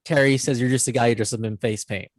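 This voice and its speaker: A man's voice: medium pitch, fast talker, no echo, rough recording. A man hosting a casual chat about movies, rambling and correcting himself as he goes. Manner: rambling, self-correcting, animated. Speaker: channel host.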